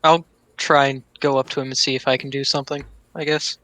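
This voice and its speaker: A man playing a tabletop game, speaking loudly and eagerly. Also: medium pitch, flat delivery, a little fast, rough recording. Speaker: player. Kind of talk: casual tabletop play.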